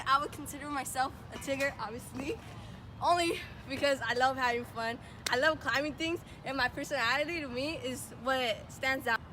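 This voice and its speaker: A young woman, a student, giving an informal, earnest personal speech in a conversational storytelling way. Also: on the high side. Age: teenage to young adult student. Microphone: distant microphone. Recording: distant mic, clearly noisy urban background.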